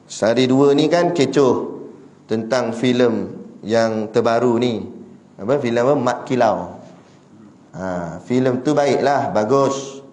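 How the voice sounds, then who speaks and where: A man preaching in a Malaysian Malay accent, telling a story with animated delivery and rhetorical questions. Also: medium pitch, takes it slowly, echoey room. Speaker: religious preacher. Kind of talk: sermon.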